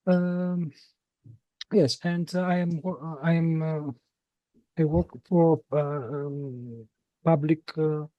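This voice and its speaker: A man from Greece, a customs officer introducing himself, halting and searching for words. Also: a little high, fairly even intonation, no room sound, highs cut off. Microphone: video call.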